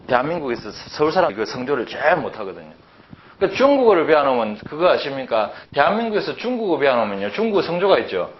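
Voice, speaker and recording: Animated Gyeongsang-accented male teacher lecturing. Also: medium pitch. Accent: Gyeongsang Korean. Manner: animated, peppers talk with rhetorical questions. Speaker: language teacher. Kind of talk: classroom lecture. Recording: muffled, faint hiss.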